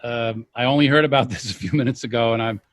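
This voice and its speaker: A man with an American accent, a native English speaker, speaking halting, hesitant Spanish mixed with English in a casual greeting on a video call. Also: mid-range voice, no room sound. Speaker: guest.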